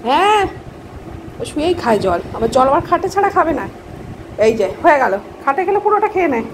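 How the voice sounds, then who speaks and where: A woman's voice: high-pitched, very animated, fast, noisy background. A woman filming her pet dog at home and cooing at it in baby talk, laughing and scolding it playfully. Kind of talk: casual home pet video.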